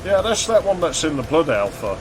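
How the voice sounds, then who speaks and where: A fairly high-pitched man talks fairly quickly with big pitch swings as he plays through a game, giving casual, understated commentary and thinking aloud. The gaming video is noisy, with loud game music and sound effects behind his voice.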